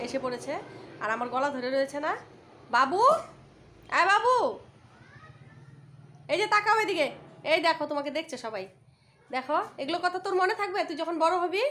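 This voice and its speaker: Speaking in a high voice, a woman who vlogs from her village home chats casually and animatedly to her audience, whom she addresses as brothers and sisters. A toothache has left her face swollen.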